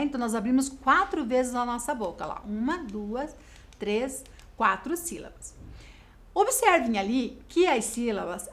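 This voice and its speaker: A Brazilian woman teaching a video lesson to schoolchildren, explaining slowly and spelling out words clearly. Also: high voice, a bit bright. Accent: Brazilian Portuguese.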